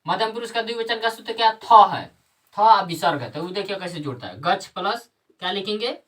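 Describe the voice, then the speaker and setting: With a brisk, expressive, fairly bright mid-range voice, a woman teacher works through a classroom lesson step by step. She raises questions only to answer them, going over every step again, and she sounds distant from the mic.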